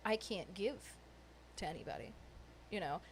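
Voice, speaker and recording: A woman's voice: medium pitch, lively intonation, moderate pace, slight background noise, poor audio. A woman talking casually and reflectively, repeating phrases to stress her points. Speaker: podcast participant. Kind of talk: casual personal podcast conversation.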